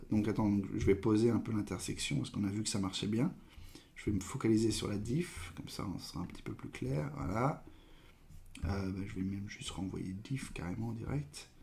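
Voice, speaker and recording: A man's voice: on the low side, creaky, mellow. A man hosting a live coding stream, thinking aloud with hesitations and trailing phrases while he tests code and reads viewer questions.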